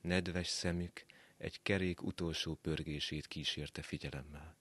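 A man reading a short story aloud in a calm, measured way in a radio studio, letting line endings fall soft. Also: extremely low pitch, dry recording. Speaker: reader. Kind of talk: scripted narration.

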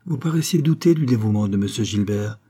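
A man's voice: fairly low pitch, expressive, fairly quick, mellow, breathy edge. A man voicing an insistent young nobleman. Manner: insistent, earnest. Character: proud, anxious young nobleman. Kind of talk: audiobook reading.

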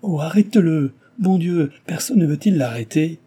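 A man's voice: on the high side, lively intonation, normal speed, dark tone, breathy edge, voice pushed up. A man reading as a frightened young woman crying out. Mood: alarmed. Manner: alarmed, pleading cries.

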